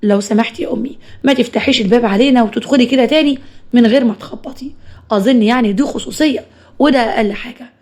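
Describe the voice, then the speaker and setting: A woman voicing a young husband who politely tries to calm his mother, with an Egyptian accent. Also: fairly high pitch, quick pace, close to an everyday voice. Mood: placating. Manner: polite, placating. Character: young husband torn between mother and wife.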